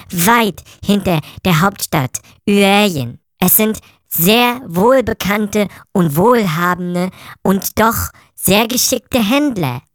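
A woman voicing a hungry, defiant young female thief in an audio story, talking quickly. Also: mid-range voice, no echo, studio quality.

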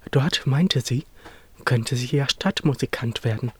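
A narrator reading a fairy tale aloud in an expressive storytelling manner. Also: medium pitch, measured pace, husky, no echo.

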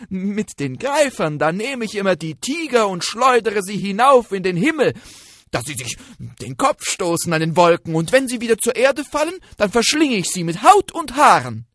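A storyteller voicing a small timid deer who bluffs boldly in a fairy tale. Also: female voice, unhurried, no room sound, clean studio sound. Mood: boastful. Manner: high excited bluster.

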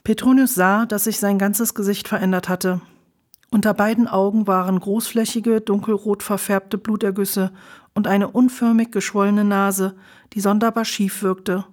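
A woman reads a novel aloud, narrating at an ordinary middle pitch. Her reading is measured and steady. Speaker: audiobook reader. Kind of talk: scripted narration.

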